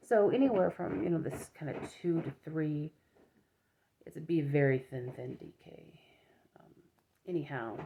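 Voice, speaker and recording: Woman, low-pitched voice, casual unboxing vlog, rambling, thinking out loud, sentences trailing off. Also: a little hiss or hum. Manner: rambling, musing aloud, often trailing off. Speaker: yarn craft vlogger, host. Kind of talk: casual unboxing chat to viewers.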